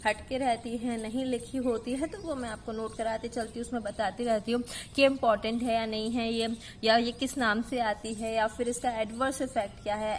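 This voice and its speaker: A woman's voice: fairly high pitch, slight background noise. Patient Hindi-speaking woman teaching drug names. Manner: patient, repeats and spells out drug names slowly; checks in with the listener, often asking "ठीक है". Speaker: pharmacy teacher. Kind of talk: explaining lecture with memory tricks.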